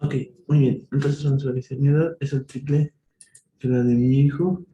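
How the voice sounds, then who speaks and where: In an echoey room with faint background noise, a man gives a live online math lesson, reasoning aloud and fixing his own errors as he goes. His medium-pitched voice is steady and warm, and the recording sounds muffled. He takes a slow, patient approach.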